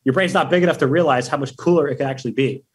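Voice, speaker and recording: A man with a husky, breathy voice talks fast and loose as a podcast guest. His delivery is energetic and full of swearing and big hype. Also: mid-range voice. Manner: energetic, profane, hype-driven. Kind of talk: casual interview talk.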